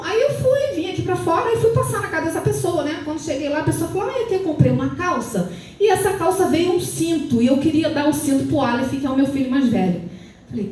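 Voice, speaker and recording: A woman telling her testimony in a church service, animated storytelling that rises into fervent exhortation. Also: sits high. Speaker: wife giving testimony at couples' service. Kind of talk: testimony and preaching. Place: church hall. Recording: very echoey hall, distant mic, faint hiss.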